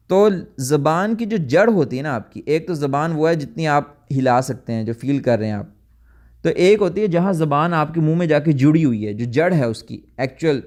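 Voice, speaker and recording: A man's voice: fairly high pitch, a little mellow. A man giving a tajweed lecture, explaining step by step, sometimes correcting himself and mixing in English words. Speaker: tajweed teacher. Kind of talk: recorded lecture.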